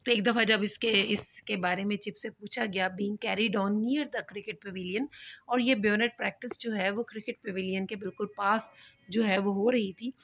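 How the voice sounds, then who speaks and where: A woman teacher who reads English lines slowly and then explains them with synonyms, calling her students "beta". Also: medium pitch, fairly even intonation, fairly bright tone, poor audio. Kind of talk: explaining an English novel chapter in Urdu-Hindi.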